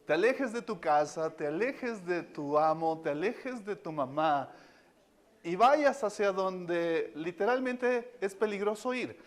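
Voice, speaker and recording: A man giving a devotional talk, telling a personal story in an animated way and chuckling as he goes. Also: high voice, takes it slowly. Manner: animated storyteller, chuckles through his lines. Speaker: devotional speaker.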